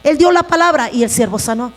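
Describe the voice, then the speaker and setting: Faint music plays behind a woman pastor as she preaches with earnest conviction, speaking to the congregation as her brothers and sisters. She talks fast in a high voice full of lively intonation.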